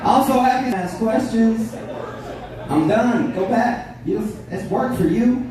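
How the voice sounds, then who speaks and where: A man's voice: very high voice, unhurried. A man in his thirties doing a stand-up comedy set on a club stage, brash and profane, bantering with the audience. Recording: echoey club room, distant, crowd laughter.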